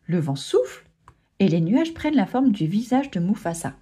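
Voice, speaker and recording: Husky woman reading a children's story. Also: mid-range voice, normal speed. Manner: expressive children's narration. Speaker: narrator.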